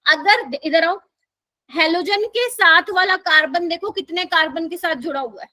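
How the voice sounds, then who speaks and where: Bright high-voiced woman teaching class. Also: moderate pace, no echo. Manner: coaxing, keeps quizzing students and calling them "my child". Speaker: chemistry teacher. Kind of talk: live classroom lecture.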